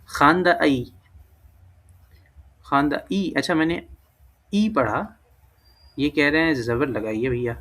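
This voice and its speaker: A man's voice: a little high, lively intonation, long pauses, fairly bright tone. A man giving a casual language lesson, thinking aloud and correcting himself as he goes. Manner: thinks aloud, self-correcting, many fillers. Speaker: language teacher. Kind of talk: casual screen-recorded lesson.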